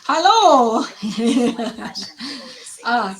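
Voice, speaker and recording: Cheerful higher-pitched woman from Taiwan. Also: very animated, drawn-out words. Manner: cheerful, flustered, laughing. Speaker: co-host.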